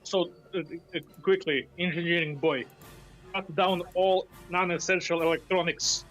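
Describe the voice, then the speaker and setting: A man playing a tabletop role-playing game, talking casually in halting, repeated starts. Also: sits high, fairly even intonation, a bit bright, rough recording. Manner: halting, repeats words while planning. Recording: faint music behind the voice.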